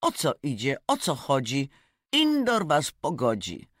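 A reader reciting rhyming fables aloud in an expressive, rhythmic way. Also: medium pitch, measured pace, no room sound, studio quality. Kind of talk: reading verse fables aloud.

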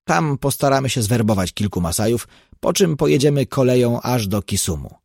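A man's voice: medium pitch, lively intonation, moderate pace, creaky, darkish tone, breathy edge, no room sound, studio quality. A man reading an audiobook, voicing a decisive expedition leader. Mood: resolute. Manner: decisive, questioning.

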